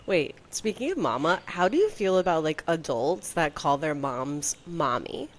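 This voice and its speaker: Brief: young woman co-host, low-ish voice with lively pitch swings, faint outdoor noise. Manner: expressive, laughs often, quick swoops in pitch. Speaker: podcast co-host. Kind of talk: casual chat. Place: outdoors with birds and traffic.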